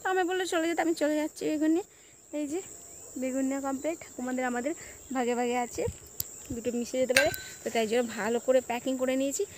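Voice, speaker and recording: Fast-talking young woman vlogger. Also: high voice, steady tone, slight background noise. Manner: chatty, addresses friends directly. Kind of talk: casual vlog narration. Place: village garden and fields outdoors. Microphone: phone camera.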